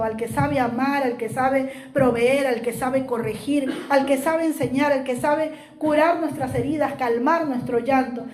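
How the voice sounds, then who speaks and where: High-voiced woman preaching, roomy echo. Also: darkish tone. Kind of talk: sermon with storytelling.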